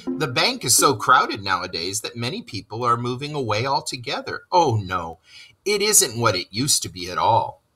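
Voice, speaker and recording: A man's voice: mid-range voice, wildly swooping pitch, moderate pace, bright, forceful tone, breathy edge, faint music behind, pitched above the performer's own voice, full character voice. Man doing chatty river Rat. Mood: hearty. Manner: chatty and hearty, hesitant when wary. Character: cheerful, self-assured male water rat who loves the river.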